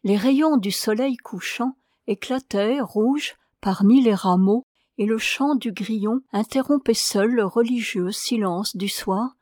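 Woman, audiobook narration, measured and solemn, very slow, dry close-miked sound. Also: fairly high pitch, a little mellow, no echo. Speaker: audiobook reader. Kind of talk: scripted narration of a prose poem.

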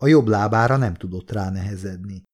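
A man reading a novel as an audiobook in steady, measured narration. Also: fairly low pitch.

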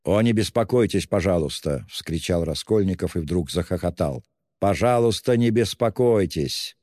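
Deep, dark male audiobook narrator. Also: no room sound, studio quality, big-room sound. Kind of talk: scripted literary narration.

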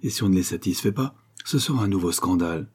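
A man's voice: low voice, lively intonation, fast talker, breathy edge. A man doing a cold, reproachful stepmother. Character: sharp, vain middle-aged stepmother.

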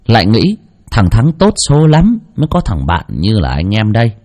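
A man narrates a spooky folk story with expressive delivery and mocking asides. His voice is husky and mellow, and it swings dramatically in pitch from line to line. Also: moderate pace.

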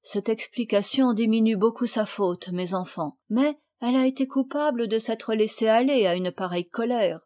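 A dignified mother who speaks in a measured, severe way, stern but fair, voiced by a woman reading the story. Her voice stays fairly high and composed. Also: warm tone, lightly acted.

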